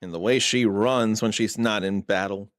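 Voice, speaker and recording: Casual gamer guy narrating his playthrough, relaxed, game music faint behind. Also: fairly low pitch, moderate pace. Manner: laid-back, muttering asides. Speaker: gaming streamer. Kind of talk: casual let's-play commentary.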